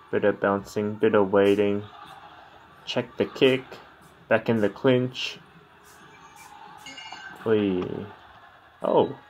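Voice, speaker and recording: A man's voice: on the low side, darkish tone, highs cut off. A man giving casual, laid-back reaction commentary on a Muay Thai fight in sparse remarks and short interjections, over background noise. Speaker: fight commentary video creator.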